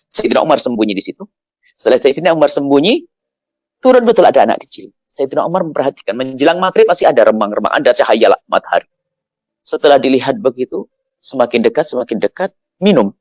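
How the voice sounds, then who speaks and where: A man preaching in a storytelling sermon, acting out the dialogue of the people in his story. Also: dry recording. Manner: animated storytelling, acting out dialogue with pitch jumps.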